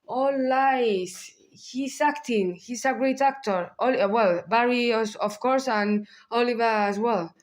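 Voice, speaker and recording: A woman's voice: a little high, slow pace, hardly any pauses. A woman in her thirties with a Spanish accent, giving a candid film analysis with blunt asides. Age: 30s. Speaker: video essayist.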